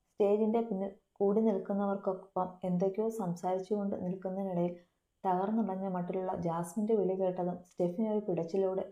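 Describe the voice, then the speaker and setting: A woman's voice: medium pitch, warm tone. A woman narrating a romance story with a dramatic, emotive reading. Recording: roomy echo.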